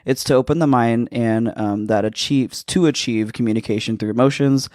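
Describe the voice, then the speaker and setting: A man co-hosting a podcast, explaining a topic in a chatty, casual way with fillers and quick asides. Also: mid-range voice, darkish tone, dry recording, studio quality. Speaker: podcast co-host. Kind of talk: casual chat.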